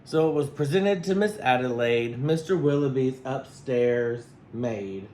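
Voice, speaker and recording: A man's voice: medium pitch, lively intonation, unhurried, a little mellow, roomy sound, a little hiss or hum. A man reading a rhyming picture book aloud as a teacher, rhythmically, with asides to his listeners.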